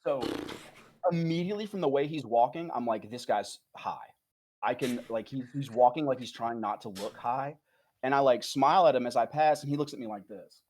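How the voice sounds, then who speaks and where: Casting note: podcast co-host, man, mid-pitched, animated storyteller who swears casually. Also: normal speed, a little hiss or hum. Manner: animated, rambling anecdotes with swearing.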